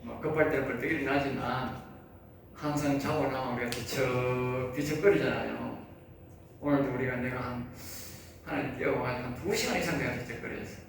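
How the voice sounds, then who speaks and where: A pastor who teaches at a seminary delivers a sermon lecture in a Gyeongsang Korean accent, talking conversationally and hitting listeners with rhetorical questions. His medium-pitched voice has vocal fry, fairly even intonation and a moderate pace. The church lecture hall is echoey, with the mic far off and faint noise.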